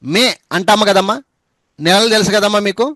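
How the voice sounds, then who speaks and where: High-pitched man teaching English. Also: brisk, crowd noise. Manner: patient and repetitive, spells words letter by letter. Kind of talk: spoken English lesson over a group call.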